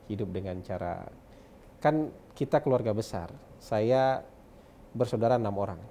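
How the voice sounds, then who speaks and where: In a laid-back interview, a Minangkabau-accented man in his forties, a West Sumatran political consultant, speaks at a normal speed. His lowish, mellow voice is expressive. He reflects as he goes, laughs softly often, and drops in English terms, with a little hiss or hum audible.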